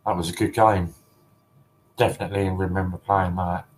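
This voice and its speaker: A man with a fairly low voice chats casually on a collector livestream. He teases his viewers and giggles often. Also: level tone, normal speed, rough recording. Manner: chatty, giggly, teasing.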